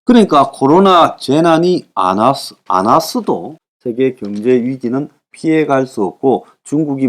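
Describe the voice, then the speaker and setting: A middle-aged man delivers a solo political commentary in an emphatic, insistent way. He keeps circling back to the same points and often starts sentences with a short prompting word. His voice sits at an ordinary middle pitch for a man. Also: a bit bright. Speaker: political commentator hosting a news briefing. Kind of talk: monologue commentary.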